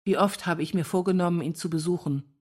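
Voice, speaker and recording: Woman reader doing a sad, bitter male librarian-scholar in a read-aloud story; keep the voice lowish. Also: brisk, darkish tone, husky. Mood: gloomy. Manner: gloomy, bitter. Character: melancholy man, scholar and librarian.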